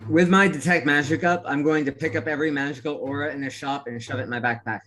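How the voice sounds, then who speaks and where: A man playing a tabletop game, excitable and laughing easily. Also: fairly high pitch, quick pace, faint music behind. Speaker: player. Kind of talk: casual tabletop game play.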